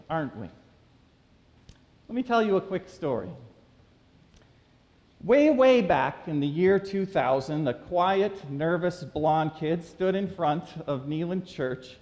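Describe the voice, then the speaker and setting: A man preaching a sermon as pastor, reading scripture aloud and then telling a story with animated emphasis, recorded in a church sanctuary. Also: sits high. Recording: church with long reverb.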